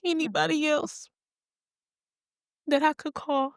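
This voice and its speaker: A woman's voice: sits high, flat delivery, slow pace, gravelly, dry recording, clean studio sound. A woman hosting a podcast, talking in a heartfelt, affectionate, folksy way. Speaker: podcast host. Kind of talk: heartfelt casual chat.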